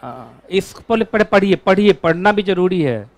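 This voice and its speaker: A man teaching a law class, lecturing in an animated way and asking his students questions all the time. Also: high voice, a little slow, dry recording.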